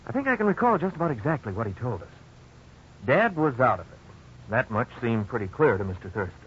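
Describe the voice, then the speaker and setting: This old radio drama from the 1950s features grown-up Vic, an earnest man narrating in first person about a youthful blunder. His mid-range male voice is fast and slightly rough, his mood reflective and explanatory, and his storytelling folksy and expressive. The recording sounds dull and noisy.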